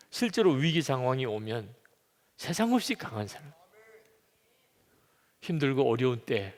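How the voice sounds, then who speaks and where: A male pastor delivers a sermon at a middle pitch, speaking earnestly and then rising suddenly into loud, emphatic bursts. His voice carries the long reverb of a church sanctuary.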